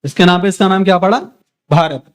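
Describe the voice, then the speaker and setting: A man's voice: sits high, fairly quick, clean tone. A male teacher giving a classroom lecture. He keeps asking the class questions, answers them himself, and checks in with "ठीक है".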